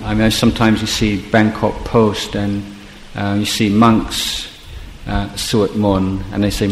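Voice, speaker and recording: Guy lecturing a class real slowly, lots of ums and restarts, roomy echo from far off. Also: lowish voice, a little hiss or hum. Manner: halting, many fillers and restarts, asks the class questions. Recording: echoey hall, recorded from afar.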